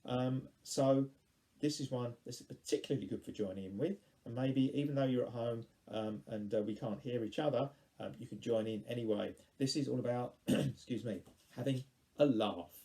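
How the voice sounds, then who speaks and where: A middle-aged man from England performing funny poems for children from his home office, his voice jumping up high and loud in the verses. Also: moderate pace, vocal fry. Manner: animated, pitch leaps up in recited verse. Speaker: children's poet. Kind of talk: lively poetry performance for children.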